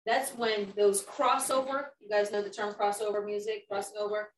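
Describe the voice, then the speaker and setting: Leading a casual youth group talk, a woman preaches with emphasis and questions the small group gathered around a table in an indoor room. Her voice is mid-range with a level tone and moderate pace. The mic is distant, the sound roomy, and faint noise sits in the background.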